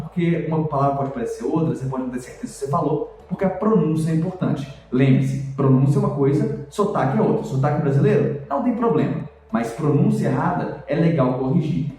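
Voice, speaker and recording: A man, an English teacher, explaining pronunciation points in a chatty, lively way and demonstrating sounds. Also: fairly high pitch, heavy reverb, recorded from a distance, poor audio. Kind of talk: explanatory video lesson.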